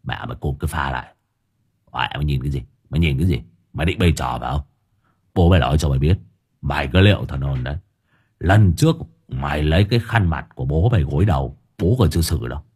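A man's voice: extremely low pitch, moderate pace, darkish tone, breathy edge, voice pushed down. A man voicing a crude, grumpy young man who swears and whines when scared. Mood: gruff.

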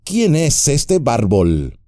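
A man's voice: mid-range voice, huge pitch swings, extremely slow, mellow, no room sound, clean studio sound, voice pushed up, heavily acted. A man voicing an eager, wistful male elf in an audiobook, speaking in a lifted, lyrical way.

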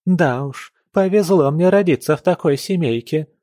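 A man voicing a spoiled, haughty young noble daughter who speaks in a shrill, indignant, sharp-tongued way. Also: moderate pace, dry recording, studio quality, lightly acted.

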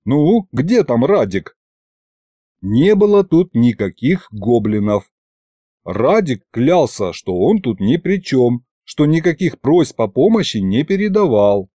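A man's voice: medium pitch, a little slow, dry recording, studio quality. A man reading a fantasy novel aloud as scripted narration, telling it expressively. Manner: expressive storytelling with many voices. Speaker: audiobook reader.

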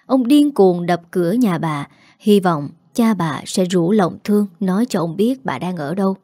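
Mellow woman reading a story aloud. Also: lowish voice, lively intonation, moderate pace, no room sound, studio quality. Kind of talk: scripted story narration.

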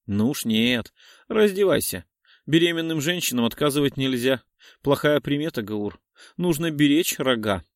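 A man's voice: mid-range voice, lively intonation, moderate pace, dry recording, studio quality, voice pushed up, natural voice. A man reading an audiobook, voicing a playful, demanding young woman in a raised voice. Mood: indignant. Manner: teasing, demanding.

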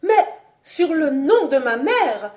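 A woman reading aloud, voicing a proud, indignant young noblewoman with an accusing, high-strung manner. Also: a little slow, a little mellow, lightly acted.

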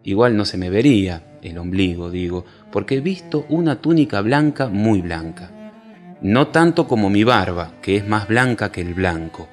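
Man playing a lazy vain old-looking god, low and slow. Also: expressive, faint music behind, close to an everyday voice. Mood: languid. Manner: slow, drawn-out and self-satisfied.

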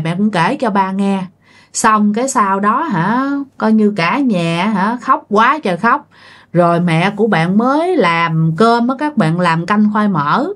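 A woman telling a ghost story in a casual, chatty way, often speaking straight to her listeners. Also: mid-range voice. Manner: chatty, addresses listeners directly.

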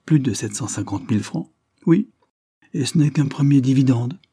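A man voicing a frank, hearty retired colonel, older, in an audiobook reading, with an emphatic, lively delivery. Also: mid-range voice, moderate pace, breathy edge, no room sound, clean studio sound, pitched above the performer's own voice.

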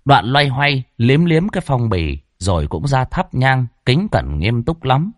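A man hosting and narrating a horror story in a lively, chatty way. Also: medium pitch, unhurried, no echo, studio quality. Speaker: storyteller and channel host.

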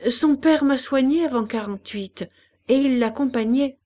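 A woman reading aloud and voicing a poor, bedridden old woman who flatters and prays without pause, in a storybook reading. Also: high-pitched, voice pushed up. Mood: wheedling. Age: older. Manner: fawning, pious, chattering.

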